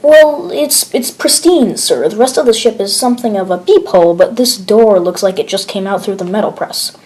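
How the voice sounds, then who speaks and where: A rattled male squad leader reporting in over the radio, played by a woman, his words hurried and shaken. An amateur horror audio log, read at home. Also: mid-range voice, a little mellow, natural voice. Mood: tense. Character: nervous male soldier leading a squad.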